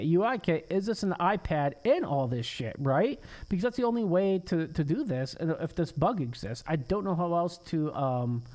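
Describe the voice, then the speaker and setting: Man, slightly high voice, live coding host talking to himself, irritated and cursing at buggy code. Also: a little mellow, low-quality recording. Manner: frustrated, swearing, muttering to himself. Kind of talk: live coding stream, thinking aloud.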